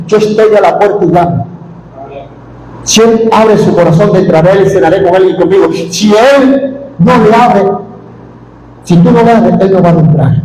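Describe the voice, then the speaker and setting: A man preaching a sermon in a church, impassioned and repetitive, bursting into shouts. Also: sits high. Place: church service hall. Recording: echoey church hall with faint noise.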